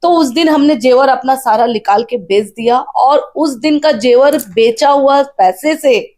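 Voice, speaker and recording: A woman, earnestly telling an interviewer her personal story with deep feeling. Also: unhurried, darkish tone. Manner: earnest storytelling, tearful at times. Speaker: interviewee, wife of a candidate. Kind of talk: emotional personal account.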